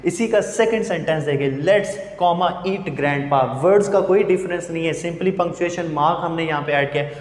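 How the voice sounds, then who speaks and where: A man's voice: fairly high pitch, a little fast, hardly any pauses. A man teaching an online English grammar lesson, explaining in Urdu mixed with English. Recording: echoey room with long reverb, faint hiss.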